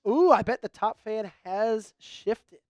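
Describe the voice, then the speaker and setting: A man hosting a live-streamed sports talk show, upbeat and rattling off shout-outs to viewers. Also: high voice, slow, dry recording, faint music behind. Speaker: host.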